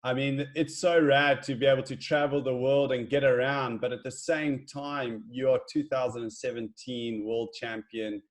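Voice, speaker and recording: A man's voice: medium pitch, fairly even intonation, moderate pace, hardly any pauses. A man hosting a casual interview in an informal, encouraging way.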